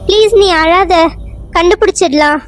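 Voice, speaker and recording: A woman's voice: very high-pitched, normal speed. A woman voicing an urgent young cartoon heroine. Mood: pleading. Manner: urgent, repeated pleading. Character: earnest young woman calling a spirit. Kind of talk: cartoon serial voice acting.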